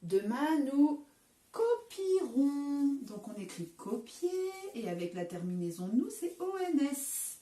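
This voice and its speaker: A woman's voice: medium pitch, sing-song, unhurried, mellow, echoey room. A woman teacher with a French accent, giving a recorded lesson to young children, patiently spelling out word endings letter by letter. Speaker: primary school teacher. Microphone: camera some distance away.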